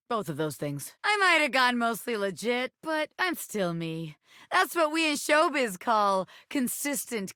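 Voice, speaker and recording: A woman's voice: a little high, bright, forceful tone, dry recording, studio quality, full character voice. An actress voicing a sassy, wisecracking female bobby pin, a brash ex-gangster scammer from a video game, talking in cheeky old-time slang. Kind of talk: video game character voice acting.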